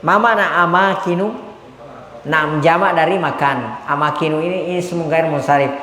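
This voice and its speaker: A man's voice: on the high side, moderate pace, pushed and bright. A male Arabic teacher leading a classroom lesson. He prompts his students one by one, then corrects and praises them briefly. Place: mosque hall. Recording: echoey mosque hall.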